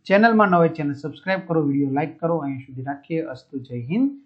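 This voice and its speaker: Brief: male teacher, high voice, explains exercises step by step, dull lo-fi audio. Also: expressive, quick pace, husky. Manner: explanatory, checks with listeners. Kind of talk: walking through textbook exercises. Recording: dull lo-fi sound.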